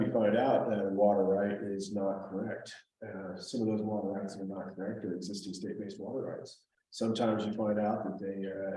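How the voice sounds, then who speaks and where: A man's voice: fairly low pitch, mellow, slight background noise. A man from a water office explaining procedures to a board in a public meeting, in an explanatory, procedural way. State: talking with gum in mouth. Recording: echoey meeting room from far off.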